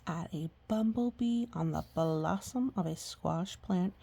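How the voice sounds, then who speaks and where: A woman with a husky, breathy, lowish voice reads a picture book aloud to young children at an unhurried pace. She adds chatty asides that gently explain things, along with murmured agreement.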